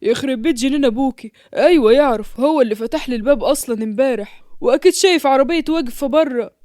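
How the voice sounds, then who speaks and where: A woman giving voice to an earnest young man with an Egyptian accent, in a slightly lowered voice. The storybook figure talks fast and plainly, recorded close and dry. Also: mellow, dry recording, natural voice. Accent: Egyptian Arabic.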